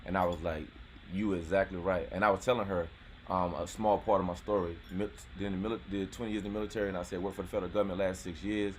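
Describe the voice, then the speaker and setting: Deep voiced guy in his 40s just rambling on a stream, talks quick, bit of noise behind. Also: fairly even intonation. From North Carolina, US. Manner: laid-back, rambling, lots of "you know what I'm saying". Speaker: channel host. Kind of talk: casual live-stream chat. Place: outdoors near a golf course.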